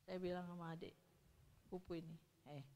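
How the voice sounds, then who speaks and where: A woman's voice: medium pitch, lively intonation, moderate pace. A woman in her sixties preaching a sermon in church, telling stories and asking the congregation questions. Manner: storytelling, asks the congregation questions, acts out quotes. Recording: reverberant hall.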